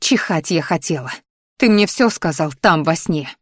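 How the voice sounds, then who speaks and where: A woman voicing a defiant young woman who snaps back with sharp, scornful retorts. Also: deep voice, lively intonation, normal speed, breathy edge, no echo, clean studio sound.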